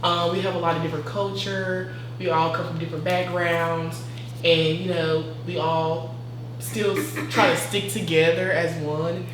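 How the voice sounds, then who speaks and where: A woman's voice: fairly low pitch, level tone, moderate pace. A woman in her twenties from North Carolina, sharing her views earnestly in a casual group discussion. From North Carolina, USA. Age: 20s. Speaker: discussion participant. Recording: echoey room, far from mic, noisy.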